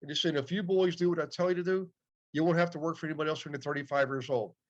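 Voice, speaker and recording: On a podcast, a man in his late fifties races through casual stories in an interview, often responding with "yep." His fairly high voice holds a steady tone, and the audio is muffled and dull.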